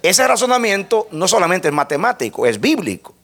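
Animated preacher man teaching a sermon. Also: sits high, brisk, vocal fry. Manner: teaching, asks the congregation to repeat phrases; spells out points step by step like a lesson.

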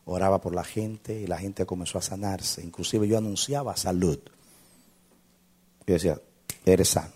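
A male pastor telling a story in a sermon, dramatic, swinging from shouts to hushed tones. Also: deep voice, breathy edge.

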